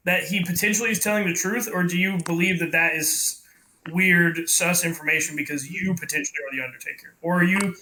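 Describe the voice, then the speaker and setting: A man's voice: sits high, fairly even intonation, brisk, pushed and bright, slight background noise, poor audio. A man casually debating with other players in a social deduction game.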